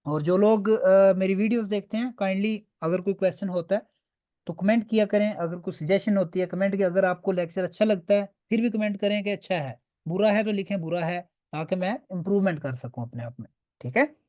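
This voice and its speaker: A man's voice: high-pitched, a little fast, dark tone, muffled recording. A man teaching a beginners' online class, patiently drilling sounds and often checking that students follow. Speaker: language teacher.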